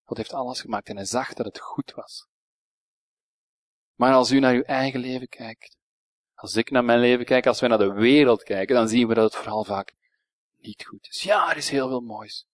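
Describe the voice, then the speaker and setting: A man with a Flemish accent preaching a sermon, swinging between hushed, quiet passages and emphatic, raised lines. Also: mid-range voice, moderate pace, no echo.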